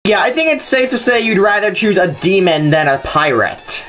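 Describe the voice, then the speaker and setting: A man's voice: sits high, big pitch swings, normal speed, heavy background noise. A man hosting a scripted video commentary, arguing his points in an informal way. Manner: argumentative, informal. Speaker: host of a nitpicking response video.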